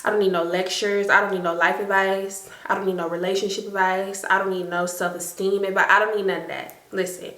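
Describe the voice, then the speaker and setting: A woman's voice: mid-range voice, flat delivery, a little fast, hardly any pauses, a bit bright, reverberant, low-quality recording. A woman in her late twenties telling a storytime to her viewers in casual chat, chatty and emphatic. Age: late 20s.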